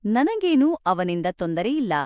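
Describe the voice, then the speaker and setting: A woman's voice: a little high, sing-song, measured pace, warm tone, no room sound. A woman voicing a distraught, unstable young mother who pleads and wails in a spoken storybook. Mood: clinging. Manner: wailing, pleading.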